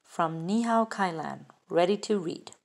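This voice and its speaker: A woman reading a picture book aloud, slowly and carefully, asking the listener questions, recorded on a phone held over the pages. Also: lowish voice, vocal fry. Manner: slow, careful, sing-song with questions to the child. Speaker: reader. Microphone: phone filming the book up close.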